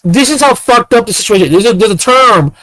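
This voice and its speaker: This thirties-aged commentator reacting to clips has a very high, sharp voice and rattles along at a quick, animated pace. He rants through repeated rhetorical questions on a rough recording with no echo.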